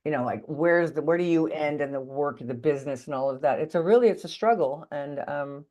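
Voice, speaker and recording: A woman's voice: deep voice, fairly quick, mellow. A woman hosting an interview who sounds a little tired, chatty and scattered, with many fillers. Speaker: interviewer host. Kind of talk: casual interview talk.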